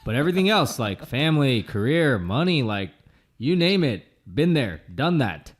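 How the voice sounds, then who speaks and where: A man in his late thirties chatting casually as a podcast co-host. His voice sits at an ordinary middle pitch, but his delivery swings up and down a lot. He tells stories with plenty of filler words. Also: normal speed. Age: 30s. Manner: animated storyteller, many filler words. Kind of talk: casual chat.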